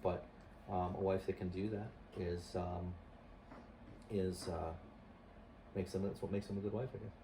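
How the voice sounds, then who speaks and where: A man answering interview questions casually as a husband, haltingly searching for words and repeating himself. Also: low voice, little pitch movement. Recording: distant mic, noisy room ambience.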